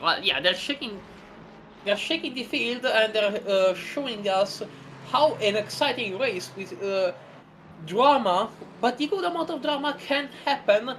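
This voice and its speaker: A woman giving live sim racing commentary, chatty and rambling, breaking into excited exclamations. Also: medium pitch, slight background noise, low-quality recording.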